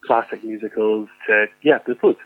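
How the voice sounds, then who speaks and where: A man's voice: lowish voice, steady tone, normal speed, phone-quality sound. A man in his twenties with a Fife Scottish accent, chatting enthusiastically as a guest on a podcast. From Fife, Scotland. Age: 20s. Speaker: podcast guest, amateur theatre performer. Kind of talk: casual podcast conversation.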